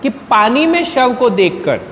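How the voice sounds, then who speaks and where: Brief: high-pitched male teacher, unhurried, chants verses and repeats each point, echoey room. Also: very animated. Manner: chants Sanskrit verses slowly, repeats each explanation twice. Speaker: Sanskrit teacher. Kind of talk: slow explanatory lesson, reciting verses then explaining. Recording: echoey room with long reverb, faint noise.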